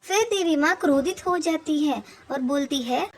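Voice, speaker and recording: A woman narrates a cartoon fable in a steady, plain storytelling manner. Her voice sits high. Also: normal speed.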